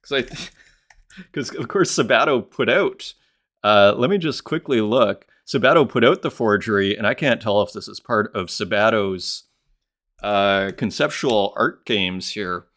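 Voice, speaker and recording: A man's voice: lowish voice, a little slow, a bit bright. A man hosting a solo podcast, talking casually with many fillers and restarts, reading out comments and reacting to them. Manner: reads comments aloud and reacts. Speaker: podcast host.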